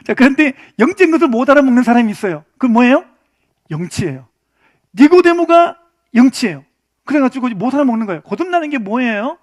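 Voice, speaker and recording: A man teaching a church Bible study class in an animated way, often putting questions to his listeners. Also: very high-pitched, fast talker, dry recording, studio quality. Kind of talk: interactive Bible lesson.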